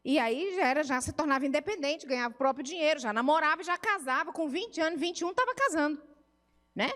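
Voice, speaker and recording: A middle-aged woman with a Brazilian Portuguese accent speaks as a family therapist at a church seminar. Her voice sits high, and it rings with the long reverb of a church hall. She teaches in a chatty way and slips into little scenes of home life. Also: animated, fast talker, a bit bright. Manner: conversational teaching, acts out family dialogues.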